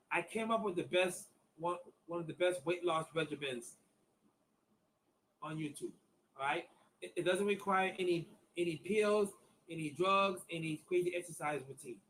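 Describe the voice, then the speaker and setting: High-pitched with a fairly bright tone, this man in his fifties is an acupuncturist running a casual online demonstration. He chats, says things more than once, and calls viewers "y'all," all on poor audio with slight background noise.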